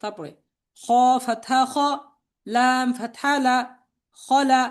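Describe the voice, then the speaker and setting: High-pitched, slow woman teacher drilling syllables. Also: fairly even intonation. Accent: Bangladeshi Bengali. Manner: spells each letter and vowel slowly, repeating syllables four times. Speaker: Quran reading teacher. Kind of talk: slow spelling drill lesson.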